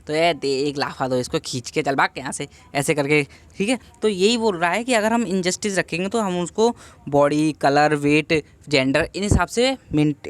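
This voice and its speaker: A man's voice: on the high side, clean tone. Young man tutoring with rhetorical questions. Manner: explains each point with rhetorical questions; reads English lines slowly, then explains them. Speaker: exam-prep tutor. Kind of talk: casual exam-revision lecture.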